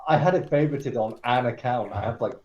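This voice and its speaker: A man's voice: mid-range voice, fast talker, muffled recording, a little hiss or hum. A man on a casual podcast with dry, sarcastic remarks, half distracted. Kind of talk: casual chat.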